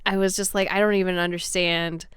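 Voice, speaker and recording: Female podcast co-host, lower voice, smooth and clear, enthusiastic, dry close mic. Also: brisk, dry recording. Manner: enthusiastic, animated reactions. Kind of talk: casual movie chat.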